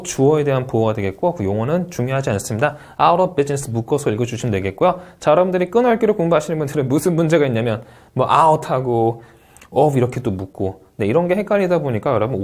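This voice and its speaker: A man teaching a test-prep lecture, calm and encouraging, who repeats English words aloud to drill pronunciation. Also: mid-range voice. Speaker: TOEIC Speaking instructor. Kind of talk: video lecture.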